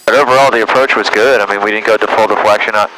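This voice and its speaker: A man's voice: fairly low pitch, fairly even intonation, very fast, bright, forceful tone, dry recording. A man working as a flight instructor, chatting casually and explaining things over a headset intercom in a small plane. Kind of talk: casual instructional cockpit chat. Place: small aircraft cockpit in flight. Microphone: aviation headset intercom. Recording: noisy cockpit intercom, engine drone.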